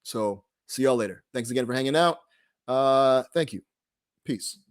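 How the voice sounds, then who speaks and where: In a medium-pitched voice at normal speed, a man leads a live online group with casual, off-the-cuff chatter. He wanders laid-back through topics and often leaves thoughts unfinished.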